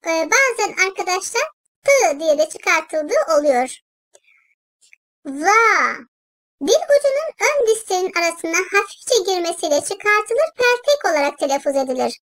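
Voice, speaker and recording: A very high, lively voice that moves slowly and patiently through each letter, as in a children's cartoon lesson. It explains every sound step by step and calls the listeners friends. The recording is close and dry. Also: no room sound. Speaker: Quran letters teacher. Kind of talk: slow children's lesson narration.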